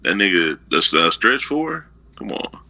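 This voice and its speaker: Deep voiced dude telling hype stories, cusses a lot, real sharp tone. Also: male voice, measured pace, creaky, slight background noise. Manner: animated, profane storytelling. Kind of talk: casual chat.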